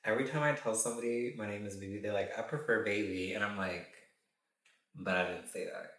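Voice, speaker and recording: A man's voice: fairly low pitch, fairly quick. Sassy, slangy young man in echoey chat. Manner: expressive, sassy storytelling with slang. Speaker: podcast guest. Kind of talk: casual chat.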